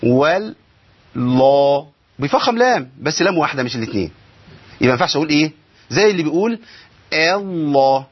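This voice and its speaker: A man's voice: a little high, sing-song, racing, slightly rough, dry recording, lo-fi sound. A man with an Egyptian accent teaching Quran recitation rules, explaining step by step and asking and answering his own questions. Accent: Egyptian Arabic. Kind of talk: tajweed lesson.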